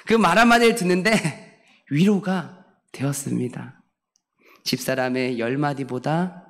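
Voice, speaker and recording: A man preaching a Sunday sermon as pastor, telling stories in a playful, emphatic way and having the congregation repeat after him. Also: a little high. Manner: storytelling, playful and emphatic, leads the congregation in call-and-response. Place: church sanctuary. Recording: church hall with long reverb.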